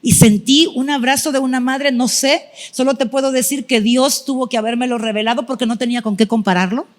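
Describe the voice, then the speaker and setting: A woman's voice: sits high, fairly even intonation, fairly quick. A middle-aged woman preacher giving a sermon testimony, telling her story with feeling and acting out her own past prayers.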